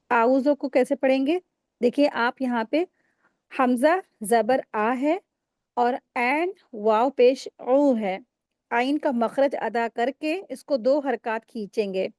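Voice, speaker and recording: High-voiced woman teaching recitation slowly. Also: a little mellow, no room sound, studio quality. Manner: patient, explains step by step with questions to the learner. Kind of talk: tajweed lesson with slow drawn-out recitation examples.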